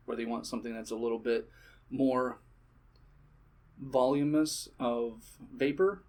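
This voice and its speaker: Casual man demonstrating vape tanks. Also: medium pitch. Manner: casual, many fillers and self-corrections. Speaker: shop presenter. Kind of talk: product demonstration.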